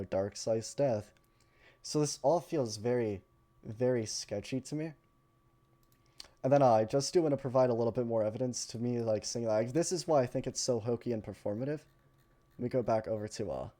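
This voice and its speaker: A man's voice: medium pitch, normal speed, dark tone. A man giving casual commentary, blunt and sarcastic, swearing freely. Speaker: commentary youtuber.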